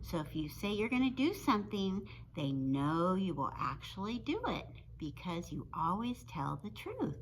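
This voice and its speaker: A woman teacher reading a children's story aloud in an animated, sing-song storytelling manner. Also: on the low side, normal speed, hardly any pauses, a little hiss or hum, rough recording.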